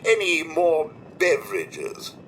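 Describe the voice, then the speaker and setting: A prim robot butler in a game, high and very bright, his pitch swooping all over as he fusses over his master. His manner is formal and courteous, and he repeats stock phrases of service. A faint noise sits behind him. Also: sing-song, takes it slowly, exaggerated voice.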